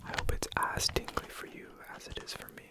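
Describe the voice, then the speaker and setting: An ASMR channel host whispering softly throughout while tapping objects for tingles. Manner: fully unvoiced whisper, slow and hushed.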